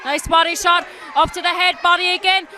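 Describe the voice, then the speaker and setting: A man giving live play-by-play fight commentary from ringside in short, punchy, excited calls. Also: very high voice, fairly quick. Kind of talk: live combat sports commentary. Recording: noisy live venue, loud crowd.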